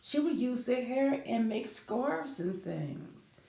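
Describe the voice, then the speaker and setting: A woman with a slightly high, warm, expressive voice and some vocal fry speaks slowly. She hosts a children's library storytime, reading and singing along while explaining simply and asking the kids questions. The recording has an echoey room sound.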